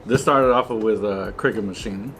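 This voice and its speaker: A man's voice: on the low side, normal speed, a bit bright, soft background music. A man co-hosting a vlog, talking in a laid-back, joking way with casual slang while eating and signing off. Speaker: vlog co-host.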